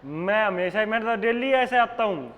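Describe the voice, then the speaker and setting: This is a classroom lecture for nursing exam students online, led by a young man with a Haryanvi accent who jokes around and calls everyone "beta." His voice sits high and is expressive, at a moderate pace. The sound is dull, with long reverb and faint background noise.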